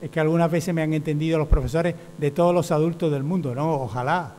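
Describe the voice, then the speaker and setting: A man's voice: fairly high pitch, steady tone, quick pace, a little mellow. A man lecturing to teachers, explaining step by step and often checking with "¿ve?". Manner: explanatory, often asks "¿ve?", acts out quoted voices. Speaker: teacher trainer. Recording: hum with long hall reverb.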